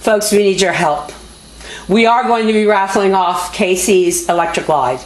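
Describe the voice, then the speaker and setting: Speaking at a normal speed in a medium-pitched, loud voice, a woman who hosts activist videos and raises funds delivers an off-the-cuff appeal to viewers that is emphatic, indignant, and folksy. She records in an echoey motel room using a small video camera, with music playing in the background.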